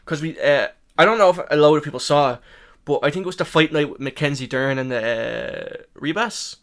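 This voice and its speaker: A young man with a slight lisp talks through his reactions in a loose, rambling way, swearing as he goes. His voice sits a little on the high side and keeps bouncing between hyped-up bursts and mumbled asides. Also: brisk, creaky. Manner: animated, rambling, swears casually. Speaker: MMA reaction youtuber. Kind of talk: casual reaction commentary.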